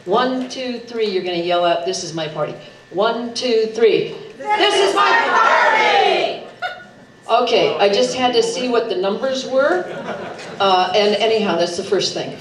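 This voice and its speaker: A woman's voice: medium pitch, normal speed. A woman in her seventies, a county candidate giving a playful, chatty speech at a public debate. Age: 70s. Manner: chatty, playful, gets the crowd chanting. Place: public meeting room. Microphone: handheld mic heard from a distant camera. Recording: roomy hall audio from far off, faint noise.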